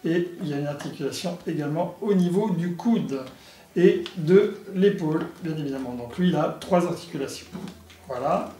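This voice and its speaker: Higher-voiced man giving a hands-on demo. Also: warm tone. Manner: halting, explanatory, punctuated with little sound effects. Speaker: toy reviewer and presenter. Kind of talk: casual hands-on product demonstration. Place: indoor room. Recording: echoey room, faint music behind.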